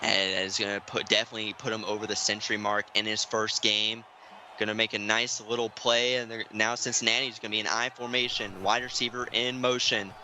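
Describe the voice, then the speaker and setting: A man doing play-by-play commentary for an online football game, keeping his voice hushed and excited, climbing high and loud on big plays. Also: a little fast, a little hiss or hum, low-quality recording. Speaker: play-by-play announcer. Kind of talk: sports commentary. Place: home room, streaming.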